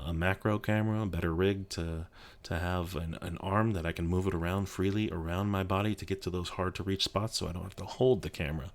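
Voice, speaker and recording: A very low-pitched man in his thirties, from Colorado, chats softly for an ASMR video. He rambles and trips over restarts, keeping his voice down in his home office so as not to wake his kid. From Colorado, USA. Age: 30s. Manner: rambling, halting, many restarts and fillers; speaking quietly so as not to wake a child. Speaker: YouTube creator. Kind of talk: soft-spoken ASMR chat.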